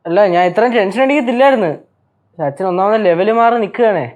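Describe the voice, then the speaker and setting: A man's voice: sits high, darkish tone, natural voice. An actor playing an anxious young son who talks worriedly to his uncle in a TV sitcom. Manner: worried, rapid. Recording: TV sitcom with music underneath.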